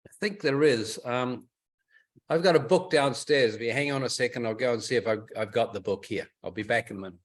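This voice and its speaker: A brisk man with a medium-pitched voice acts as a club technical expert advising a caller. He gives informal technical advice on a group conference call, carried over a telephone or conference line, explaining things methodically and instructively.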